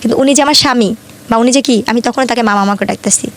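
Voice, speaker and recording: With a little hiss or hum in the audio, a young woman with a Bangladeshi accent speaks at a quick pace and fairly high pitch. She recounts her life story conversationally and in detail, often quoting conversations.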